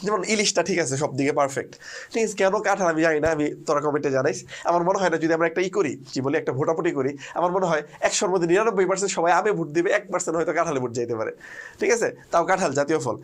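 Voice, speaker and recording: A man's voice: fairly high pitch, very fast. A young man, teaching an online lesson with mnemonics, quizzing listeners and answering himself. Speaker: admission test tutor. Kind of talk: energetic online lesson with call-and-response mnemonics.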